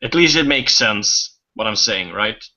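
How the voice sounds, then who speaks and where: Bright Swedish-accented man chatting. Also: on the low side, expressive, a little slow. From Sweden. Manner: chatty, laughs a lot. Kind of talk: casual group chat. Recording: dull lo-fi sound.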